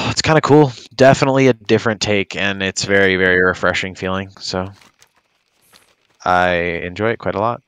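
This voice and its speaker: A man's voice: low voice, moderate pace, fairly bright tone, smooth, no echo, rough recording. A man chatting casually over gameplay with a friend like a hyped gamer bro, slangy and sweary. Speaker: gaming streamer.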